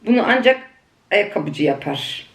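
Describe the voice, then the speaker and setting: A woman's voice: mid-range voice, sing-song, unhurried, reverberant. A woman vlogging at home to her viewers, a mother talking in a chatty, affectionate, teasing way. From Turkey. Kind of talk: casual chat to viewers. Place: family home in Germany.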